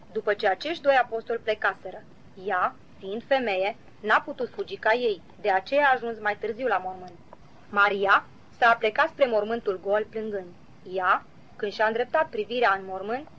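A woman reading a devotional Bible commentary aloud in a measured, earnest way, citing verses as she goes. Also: mid-range voice, a bit bright. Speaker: Bible teacher. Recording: slightly dull lo-fi recording.

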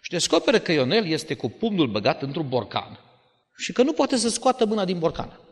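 A male preacher tells stories in his sermon, his voice swooping widely from low murmurs to high exclamations. His pitch sits a bit above the usual for a man. The sound carries a long church-hall reverb. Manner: animated storytelling with dramatic swings.

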